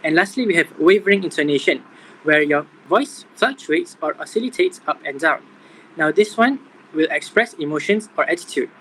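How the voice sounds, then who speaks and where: A young man reading out a scripted class presentation in a steady manner. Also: a little high, moderate pace, background noise. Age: young adult. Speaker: student presenter.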